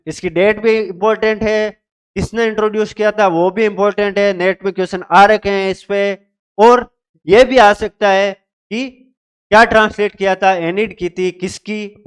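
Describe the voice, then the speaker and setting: High-voiced teacher drilling terms. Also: male voice, smooth. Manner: repeats key terms, asks and answers his own questions. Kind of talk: exam-prep literature lecture.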